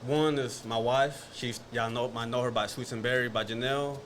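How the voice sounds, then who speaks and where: A man's voice: medium pitch, normal speed. Dallas guy in his 30s cracking jokes on a sports pod, bit of room hum behind him. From Dallas, Texas. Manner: joking, animated, laughs easily. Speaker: podcast co-host. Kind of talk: casual sports chat.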